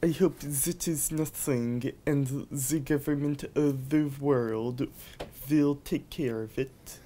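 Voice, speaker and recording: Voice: medium pitch, takes it slowly, mellow. A person playing an earnest, worried news reporter with a put-on French accent.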